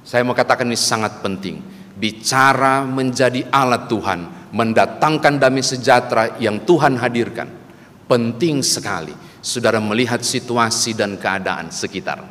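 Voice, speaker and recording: Pastor telling a comic story in a church hall. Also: male voice, mid-range voice, normal speed, fairly bright tone. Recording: long church hall reverb, faint ambience.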